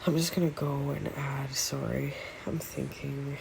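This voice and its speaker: This music vlogger's voice is rumbling low, creaky, and level, moving a little slowly from the bottom of her range, and it sounds nasal and stuffed up from a cold. She chats in an unscripted, rambling way, loaded with fillers and tangents, while putting together a music tier list for casual, unedited commentary. A phone picks her up, with a faint room hum behind.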